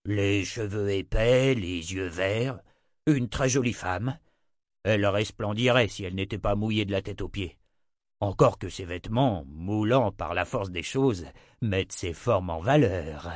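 A man playing a grudging, leering innkeeper who drags out his words. The voice sits low and unhurried, read dry and close for a storybook. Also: dry recording, natural voice. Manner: slow and grudging.

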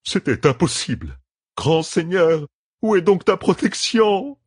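A man voicing a blinded, maddened old lord who rants in a shrill voice climbing ever higher, husky and close in an audiobook. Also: animated, measured pace, no echo, exaggerated voice. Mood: raving.

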